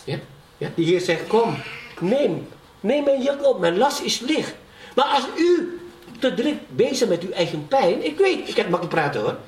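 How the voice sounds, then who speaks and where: A man's voice: high voice, sing-song, normal speed. A middle-aged man preaching a sermon in a church, often checking in with the congregation and rising in fervour as he testifies. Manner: keeps asking the congregation "ja?". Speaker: pastor. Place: church hall. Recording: echoey hall, from far off, faint background noise.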